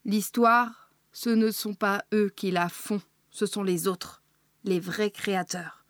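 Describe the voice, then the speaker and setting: A woman's voice: fairly high pitch, steady tone, no echo, studio quality, lightly acted. A woman putting on a drawling scornful eccentric. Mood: scornful chatter. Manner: grandiose, drawn-out sighing lament.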